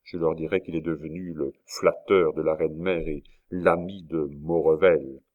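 A man's voice: rumbling low, steady tone, phone-quality sound. A man reading as a proud, hot-tempered young captain. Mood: bitter. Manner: blunt, passionate, quick to anger. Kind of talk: audiobook character reading.

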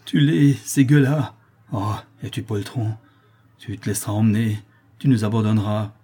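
A man's voice: on the low side, monotone, moderate pace, warm tone, breathy edge. A man voicing a distraught poor mother who begs the bailiffs to spare her husband, in raised pleading cries. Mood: frantic.

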